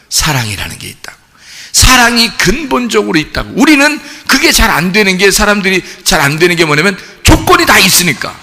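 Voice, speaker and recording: A male pastor giving a sermon in an animated, colloquial way, asking rhetorical questions. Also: high-pitched, vocal fry. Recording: long reverb of a church hall.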